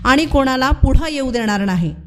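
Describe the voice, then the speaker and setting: A woman voicing a proud, stubborn village landlord man who speaks in a sharp, shouting tone. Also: high voice, lively intonation, normal speed.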